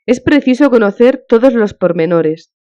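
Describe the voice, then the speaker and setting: A woman reading an audiobook, voicing a grieving, humiliated middle-aged official in a weary, halting, thin voice, on a dull lo-fi recording. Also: a little high, lively intonation, warm tone, lightly acted. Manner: weary, broken, halting complaint.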